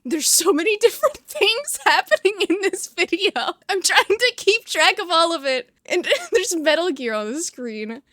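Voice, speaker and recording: A woman streamer reacting casually to a video in a cute anime style, excitable, amused and incredulous. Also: very high-pitched, normal speed, hardly any pauses. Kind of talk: casual live reaction commentary.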